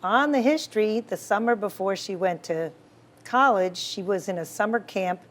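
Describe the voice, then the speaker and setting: Being interviewed as a guest, a woman physician explains medicine and cases confidently and clearly, often saying "right." Her mid-range voice moves at a moderate pace.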